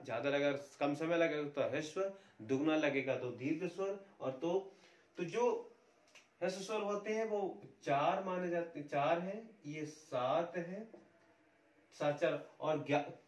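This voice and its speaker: A man teaching a grammar lesson, explaining slowly and restating each point. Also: fairly high pitch, reverberant, recorded from a distance.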